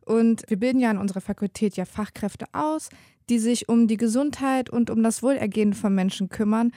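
A woman in her mid-twenties talks casually as a student guest, thinking aloud in a warm, mellow voice. The recording is dry and close. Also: fairly high pitch, a little fast, no echo. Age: 20s. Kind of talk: podcast chat.

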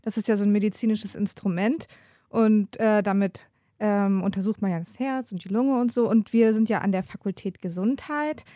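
A woman's voice: medium pitch, normal speed, mellow, no echo, studio quality. A woman in her twenties, a student guest, talking casually and thinking aloud. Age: 20s. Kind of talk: podcast chat.

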